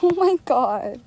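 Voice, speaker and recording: High-voiced, giggly woman gaming. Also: vocal fry, a little mellow, a little hiss or hum. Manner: giggly, self-mocking, chatty to viewers. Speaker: gaming channel host. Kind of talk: casual gameplay commentary.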